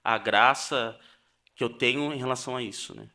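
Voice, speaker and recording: A young man with a Brazilian Portuguese accent speaks earnestly about his own story, often stopping and starting over mid-phrase. His voice is bright and forward, sitting at an ordinary middle pitch for a man, recorded close on a podcast mic. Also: slight background noise. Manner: earnest, halting with repeated restarts. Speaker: seminarian guest. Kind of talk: emotional personal testimony.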